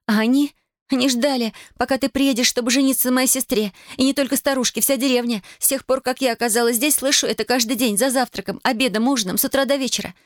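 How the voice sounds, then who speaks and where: Narrator doing an indignant young woman, high and loud, bitterly reproachful, audiobook. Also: fast talker, no echo, clean studio sound. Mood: anguished.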